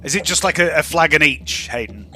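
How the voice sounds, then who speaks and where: A man's voice: a little high, animated, fairly quick, bright, forceful tone, soft background music. A man playing a tabletop game, chatting casually and sweary as he describes what he does. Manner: sweary, describes actions in first person. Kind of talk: casual gaming chat.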